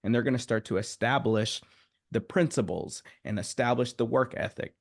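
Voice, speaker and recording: A man's voice: mid-range voice, moderate pace, creaky. A man hosting a podcast, asking long, winding questions in a casual interview. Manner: long rambling questions with fillers. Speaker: podcast host.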